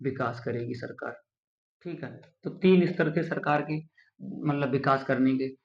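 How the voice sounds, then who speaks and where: A man teaching a class, asking himself questions and answering them, and slowly spelling out key terms. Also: mid-range voice. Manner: drills by asking and answering his own questions. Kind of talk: whiteboard lesson. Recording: echoey room, dull lo-fi sound.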